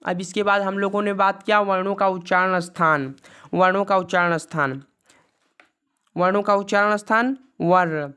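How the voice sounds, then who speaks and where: A woman teacher recapping a grammar lesson, reciting letter lists slowly and repeating each rule. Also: mid-range voice, fairly even intonation, fairly bright tone, clear, resonant tone.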